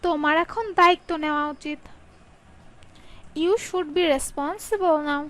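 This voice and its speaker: A woman teaching English sentences, reading a Bengali line quickly and then saying each English sentence slowly twice. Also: very high-pitched, pushed and bright, poor audio. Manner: slow, carefully spaced delivery, Bengali read quickly, English drawn out.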